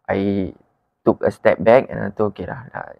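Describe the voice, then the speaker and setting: Low-voiced man, Malay-English slang. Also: fairly even intonation, moderate pace, vocal fry, no echo, highs cut off. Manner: colloquial Malay-English slang mix with "lah" particles. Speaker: guest, wedding photographer. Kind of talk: casual podcast conversation.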